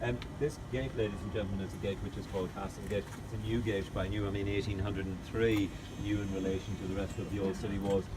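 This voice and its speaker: A middle-aged man from Northern Ireland leads a walking tour of his city outdoors on its streets, with street noise in the recording. He's a chatty storyteller who jokes with his group, speaking in a lowish, level voice with a Northern Irish accent, fast and with hardly any pauses.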